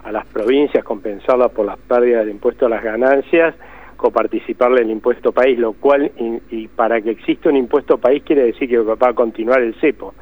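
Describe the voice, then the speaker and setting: On a tinny phone line, an Argentine man being interviewed as an economist explains emphatically and rephrases often. His medium-pitched voice is a little fast, with fairly even intonation.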